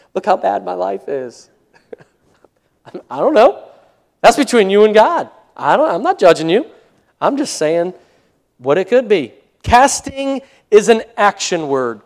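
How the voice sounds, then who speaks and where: High-voiced animated male pastor preaching. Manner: conversational preaching, acts out listeners' excuses, chuckles at own jokes; animated, swings between loud emphasis and soft asides. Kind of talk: sermon.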